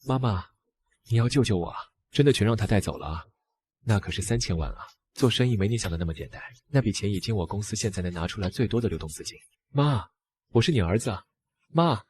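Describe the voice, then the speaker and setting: A sleazy scheming husband in a drama, husky and low, rattles off his lines quick. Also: expressive, a little mellow, no room sound. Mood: pleading. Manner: fast, pleading then scornful. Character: shameless scheming husband, young adult man. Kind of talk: dubbed drama acting.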